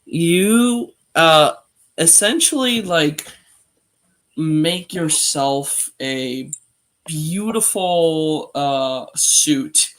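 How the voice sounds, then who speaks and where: A man acting as game master for a tabletop game, hesitant and filler-heavy. He speaks slowly with a slightly raised pitch. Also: fairly bright tone.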